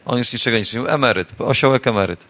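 Guy preaching in a church, tells a story, jokes with the crowd, repeats stuff and gets loud on the refrains. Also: mid-range voice, rapid-fire. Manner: storytelling, repetitive, rising to shouted refrains; playful, joking with the congregation. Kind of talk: sermon with a parable.

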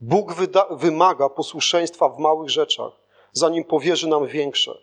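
A man reading a first-person spiritual testimony aloud as scripted narration, in an earnest, steady manner. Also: fairly high pitch, normal speed. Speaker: audiobook narrator.

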